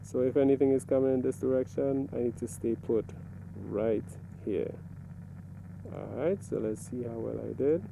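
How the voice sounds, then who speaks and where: A man giving a casual, step-by-step video commentary, explaining things deliberately and pausing mid-sentence. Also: mid-range voice, vocal fry, background noise. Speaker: motovlogger reviewing own ride footage.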